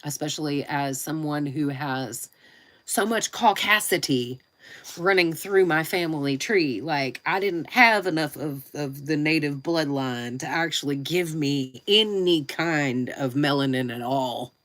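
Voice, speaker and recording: Woman, low pitch, nasal and stuffed-up, chatty, rambling, informal live streamer. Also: a little slow, a bit bright. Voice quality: nasal, congested. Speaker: live streamer and YouTube creator. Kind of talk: casual live stream chat.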